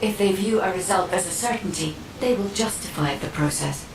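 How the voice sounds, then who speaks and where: A woman voicing a composed, solemn artificial guide in a video game, with measured, formal speech. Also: mid-range voice, lightly acted. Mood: calm, solemn. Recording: roomy, distant, clearly noisy ambience.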